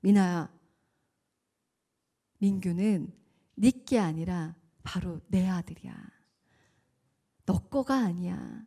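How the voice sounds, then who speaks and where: A woman voicing God as a slow, calm, reassuring presence speaking to a mother. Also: on the low side, creaky, pitched below the performer's own voice, heavily acted. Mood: gentle reassurance.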